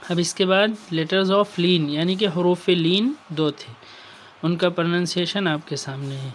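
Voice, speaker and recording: Here is a male teacher walking students through an on-screen lesson, sounding out letters one slow syllable at a time. He sits a little higher in pitch than most men, and English terms slip into his explanation. A faint noise lies underneath. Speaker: Quran reading teacher.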